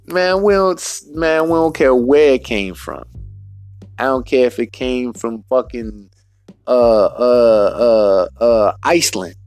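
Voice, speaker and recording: A man hosting a solo podcast rant, profane and emphatic, in street slang, repeating his points and spelling words out slowly. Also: medium pitch, darkish tone, no room sound, faint music behind. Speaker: podcast host.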